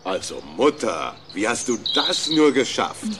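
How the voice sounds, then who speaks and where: A man's voice: mid-range voice, sing-song, measured pace, noisy background. A man playing a firm, orderly father who rouses his children, in an old radio play. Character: stern but kind family father. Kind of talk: 1970s radio play acting.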